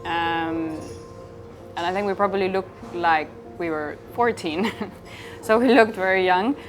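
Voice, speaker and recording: Her voice sits on the low side and she talks a little slowly, though the recording is rough and has clear background music. She's a Swiss company founder in an interview, telling casual stories and acting out imagined exchanges.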